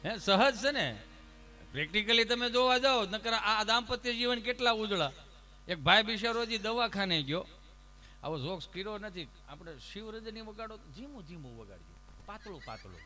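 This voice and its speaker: A man performing humorous folk storytelling at an ashram event, animated and jokey, with a preacherly turn. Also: sits high, brisk, a little hiss or hum.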